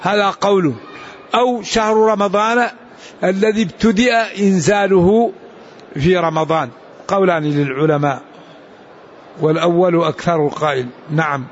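Guy with a high voice teaching a religious lesson, slow explaining, muffled lo-fi recording. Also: a little hiss or hum. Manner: explanatory, unhurried, with restarts and asides. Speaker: Islamic scholar.

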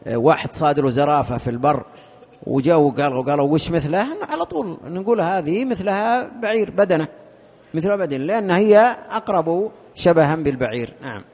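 A man explaining a legal text in a lesson, with a halting manner, repeating words as he searches for terms. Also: a little high, animated, darkish tone. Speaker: teacher explaining a fiqh text. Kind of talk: lesson commentary. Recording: long reverb of a hall.

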